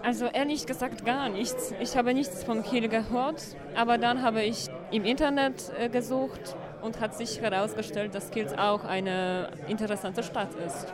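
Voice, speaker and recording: A woman's voice: on the high side, fairly even intonation. Young Polish woman speaking careful German. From Poland. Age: 20s. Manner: careful, slightly halting German. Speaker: exchange student. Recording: crowd noise behind.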